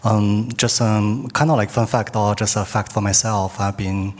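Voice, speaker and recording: A man from China introducing himself on a panel in relaxed, casual English with many fillers. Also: fairly low pitch, normal speed.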